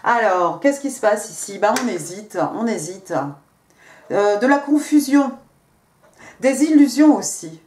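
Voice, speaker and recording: A woman's voice: fairly high pitch, a little mellow, a little hiss or hum. Woman doing a tarot reading, talks right at you, lots of um and repeats, kinda echoey room. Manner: chatty, halting, repeats words, many fillers; speaks directly to the viewer. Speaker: tarot card reader. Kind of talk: casual tarot reading to camera.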